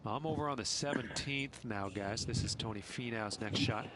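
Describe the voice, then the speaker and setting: A man's voice: mid-range voice, normal speed, close to an everyday voice. A man reporting from the course as a golf commentator in a broadcast. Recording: clear ambience noise behind voice.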